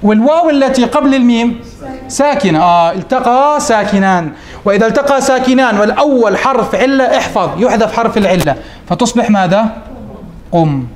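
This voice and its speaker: High-voiced, fast man teaching grammar. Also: reverberant. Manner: questions students and answers himself, repeats rules. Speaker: teacher of Arabic morphology. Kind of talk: classroom lesson.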